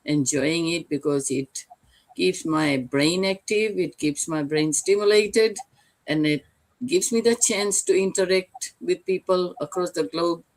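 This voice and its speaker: An older retired woman from Fiji introducing herself on an online panel, warm and proud, over a video call. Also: fairly low pitch, measured pace. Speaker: panel guest.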